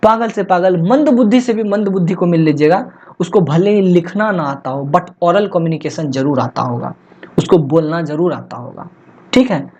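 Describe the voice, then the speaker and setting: A man teaching as an exam-prep tutor, asking rhetorical questions and answering them himself, and slowly reading English textbook lines aloud. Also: sits high, a little mellow. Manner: asks rhetorical questions and answers them himself, often says "theek hai". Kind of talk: explanatory online lecture. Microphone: voice-only recording, face not shown.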